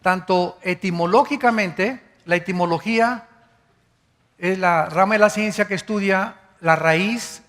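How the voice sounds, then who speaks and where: An older man preaching in a large hall, his high voice carried by a long reverb. He teaches emphatically, spells out words letter by letter and throws rhetorical questions at the congregation. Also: fairly bright tone. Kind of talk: sermon.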